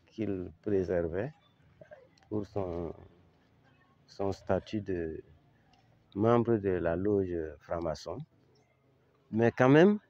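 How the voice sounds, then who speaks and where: An older man with a Chadian accent giving an informal historical account, halting and searching for words, yet emphatic with the listener. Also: on the low side, a little mellow, dry recording, muffled recording. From Chad. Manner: halting, with repeated words and long searching pauses. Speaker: eyewitness commentator on history.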